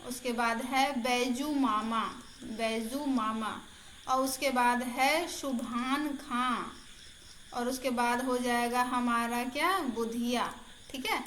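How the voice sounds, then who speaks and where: A woman's voice: a little high, fairly even intonation, slow pace, fairly bright tone, echoey room, slight background noise. A woman exam-prep tutor in a casual online lesson, chatty and encouraging, repeating answers aloud.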